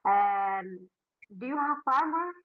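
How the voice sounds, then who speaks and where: A woman in her twenties from Somalia, a beginner English learner talking haltingly on a casual video call. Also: a little high, animated, narrow, tinny audio. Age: 20s.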